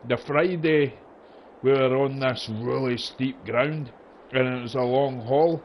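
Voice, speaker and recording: A man's voice: medium pitch, takes it slowly. A man with a broad Scottish accent chatting casually, telling rambling stories in a colloquial way. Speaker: gamer chatting during a farming game session. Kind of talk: casual chat. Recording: dull lo-fi voice chat with noise.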